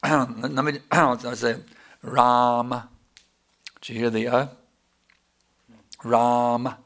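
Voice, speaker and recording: A man's voice: mid-range voice, steady tone, normal speed, creaky, fairly bright tone. A man teaching as a spiritual teacher in a devotional question-and-answer talk, explaining patiently and chanting examples.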